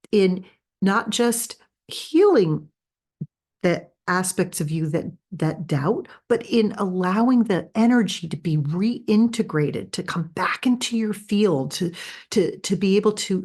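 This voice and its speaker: A woman hosting a spiritual healing podcast, speaking in a soft, earnest, reassuring way with frequent restarts and tag questions. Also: mid-range voice. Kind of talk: gentle guided spiritual talk.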